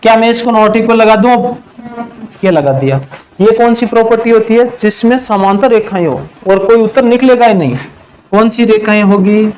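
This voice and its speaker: A male math teacher giving a classroom lesson, quizzing his students and answering his own questions, and drawing out the key terms slowly. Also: sits high, darkish tone, a little hiss or hum, rough recording. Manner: slows to a drawn-out pace on key terms.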